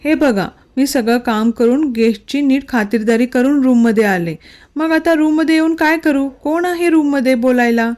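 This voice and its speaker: A woman reading a storybook, voicing a young emotional wife who turns from angry to pleading, in a fairly high voice. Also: a little mellow, close to an everyday voice. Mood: annoyed. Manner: pleading, quick to anger.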